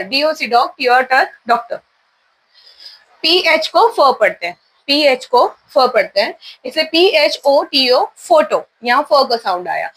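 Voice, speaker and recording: Indian lady teacher spelling words out then saying them, high bright voice, drills them over and over. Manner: spells letters then says the word, repeating for drill. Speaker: English pronunciation teacher. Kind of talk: spelling out words letter by letter in a lesson.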